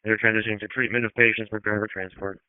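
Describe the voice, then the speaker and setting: Low, even fire commander on radio. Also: male voice, smooth, dry recording. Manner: brisk, procedural firefighter radio talk. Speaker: fire battalion chief, incident commander. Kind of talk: fire radio dispatch traffic, clipped commands. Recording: narrow-band two-way radio transmission.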